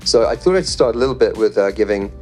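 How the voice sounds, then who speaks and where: A man moderating a panel in front of a live audience, chatty and relaxed, reading statistics off his phone with light jokes. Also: on the low side, fast talker, soft background music.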